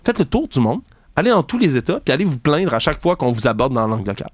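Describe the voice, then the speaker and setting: Fast and sing-song, a man with a Québécois French accent hosts a commentary show, ranting about a news story. His heated take is indignant and sarcastic, with opponents mocked in high voices. No echo is audible.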